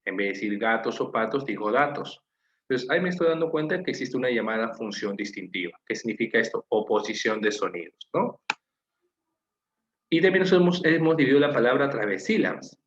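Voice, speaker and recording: A Peruvian Spanish-accented man teaches a class over a video call. He explains with patience and keeps asking his students questions. His voice sits at a middle pitch and comes through a computer mic, echoey and a bit muffled. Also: lively intonation, brisk. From Peru. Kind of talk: online class lecture.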